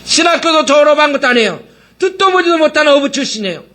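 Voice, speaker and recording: A man's voice: very high-pitched, sing-song, fast talker, bright, forceful tone. A male pastor preaching a sermon, firing rhetorical questions at the congregation and mockingly acting out quoted voices.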